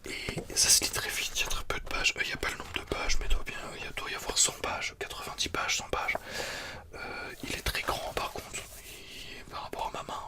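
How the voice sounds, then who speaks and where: A person speaking in a hushed library whisper, casually explaining things in an ASMR book review. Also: brisk. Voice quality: soft, unvoiced whisper. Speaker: ASMR video creator.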